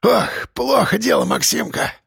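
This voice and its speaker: A gruff old village grandfather and ex-hunter, with a gravelly, husky, wheezing rasp. His voice sits high and swings up and down a lot, and he drawls his words slowly. The sound is dry and close. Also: big pitch swings, dry recording, full character voice. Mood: wheezing, weary. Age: older. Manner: folksy, earthy speech. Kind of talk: audiobook character voice.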